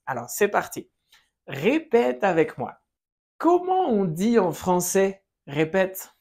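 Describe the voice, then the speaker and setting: A woman teaching French to Spanish speakers, drilling phrases slowly and clearly and switching between the two languages. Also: mid-range voice, big pitch swings, darkish tone. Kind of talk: language lesson.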